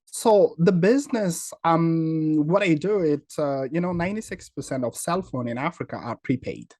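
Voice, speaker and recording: A Senegalese company founder, appearing as a guest on a casual video-call interview, comes across friendly and quick to laugh, with lots of fillers. His voice is a little high and darkish, with no echo and clean studio sound.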